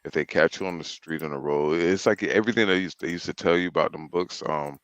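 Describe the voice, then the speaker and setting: A man's voice: sits low, quick pace, no echo, highs cut off. A man co-hosting a podcast in laid-back, slangy casual chat, laughing often.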